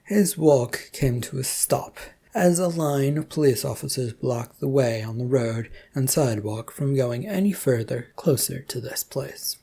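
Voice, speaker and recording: Reading scripted fiction, a narrator uses a medium-pitched voice that is gravelly and husky yet soft and mellow in tone, with an unhurried pace.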